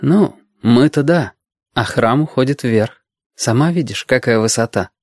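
A man's voice: mid-range voice, expressive, unhurried, a little mellow, dry recording, clean studio sound. A man reading a story aloud and voicing an eager sixth-grade boy who patiently explains things to a girl. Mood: eager, explaining.

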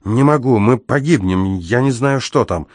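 A man voicing a timid, jittery male accountant with rat-like features who squeaks when frightened. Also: moderate pace, dry recording, clean studio sound, natural voice.

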